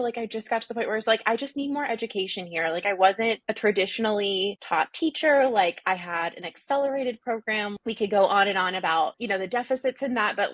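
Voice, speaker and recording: Speaking in a mid-range voice on a dry recording, a Singapore-raised therapist and former teacher appears as an interview guest. She talks candidly and casually, reflecting and giving voice to her inner dialogue.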